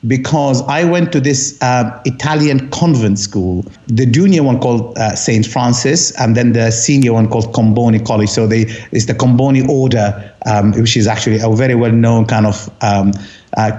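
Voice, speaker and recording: A man's voice: mid-range voice, warm tone, highs cut off. A man from Sudan, a doctor in his fifties, speaking as an interview guest in a thoughtful conversational way, with frequent restarts. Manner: thoughtful, many restarts and fillers.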